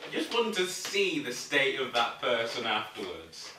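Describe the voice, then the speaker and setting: A man joining a casual tasting review, reacting loudly and animatedly. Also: medium pitch, very animated, a little slow. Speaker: co-host, guest taster. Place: indoor room. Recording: echoey room, distant mic, faint noise.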